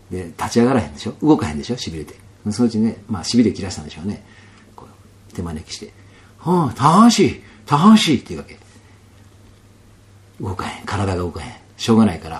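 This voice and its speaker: A man with a Kansai accent telling a personal story in a casual interview, animated and laughing often, sometimes dropping to soft asides. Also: deep voice, slight background noise. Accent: Kansai Japanese.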